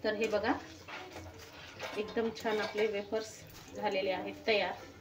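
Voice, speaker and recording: Hosting a home cooking channel, a woman with a Marathi accent demonstrates a recipe step by step in a homely, instructive way, repeatedly saying "तर हे बघा". Her voice is medium in pitch, level in tone, and a little slow.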